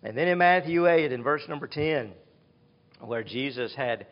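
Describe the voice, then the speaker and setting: A man's voice: mid-range voice, lively intonation, moderate pace, highs cut off. A man preaching an earnest, reflective sermon in a church, retelling scripture scenes. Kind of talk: expository sermon. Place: church with a screen behind him.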